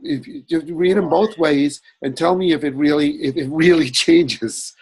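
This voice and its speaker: Husky-voiced man picking at wording. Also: a little high, normal speed, darkish tone. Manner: playfully nitpicking wording. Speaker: workshop participant giving feedback. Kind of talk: casual group video call.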